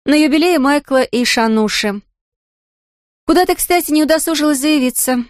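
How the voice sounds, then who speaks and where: A brisk, scornful young woman, voiced by a woman narrator rattles off gossip in a bright raised voice. The audiobook sound is dry and close, with no room around it. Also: high voice, dry recording, voice pushed up, lightly acted. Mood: chatty, scornful. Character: lively outspoken young woman friend, sharp-tongued gossip.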